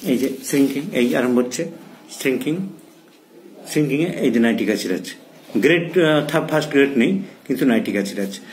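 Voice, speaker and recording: A man's voice: mid-range voice, expressive, fast, slight background noise. Man doctor talking through a case. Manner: explanatory, thinks aloud, repeats key terms. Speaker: doctor teaching case taking. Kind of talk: clinical teaching demonstration. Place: clinic consulting room.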